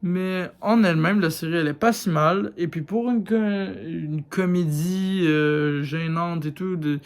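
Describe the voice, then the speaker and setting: A man's voice: a little high, unhurried. A man giving a frank, casual video review, talking straight to his viewers with plenty of fillers. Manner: frank, addresses viewers directly as "les gars", lots of fillers. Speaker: YouTuber reviewing a series.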